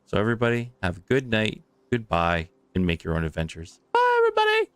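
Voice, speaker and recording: A man with a smooth, fairly low voice signs off a live tabletop game stream as its game master. He talks in a rambling, grateful way, often restarting his sentences. His voice sits close and dry on the mic. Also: a little fast, fairly bright tone, no room sound.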